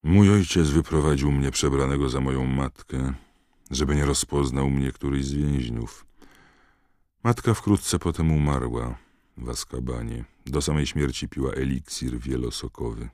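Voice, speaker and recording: Man reading a young man's dead monotone. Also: very deep voice, moderate pace, dry recording, studio quality. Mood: flat. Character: young male prisoner under a truth potion.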